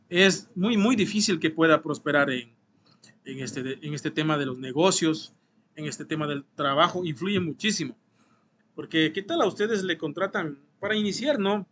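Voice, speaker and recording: Bright-voiced man teaching a class. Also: fairly high pitch, a little hiss or hum. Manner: explanatory, tags phrases with rhetorical questions.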